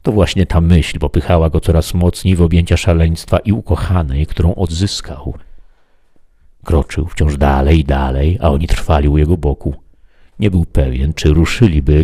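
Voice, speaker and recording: A man narrating a fantasy story in a quiet, measured reading. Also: extremely low pitch, slightly rough, no echo, studio quality. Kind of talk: audiobook fiction reading.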